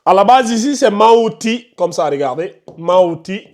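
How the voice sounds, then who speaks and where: A man teaching Quran recitation to a class in a classroom, explaining patiently, repeating himself and firmly hushing chatty students. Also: sits high, animated, normal speed. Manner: firm, scolds chatty students and asks the class questions; explains patiently with many repetitions. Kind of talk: classroom tajwid lesson.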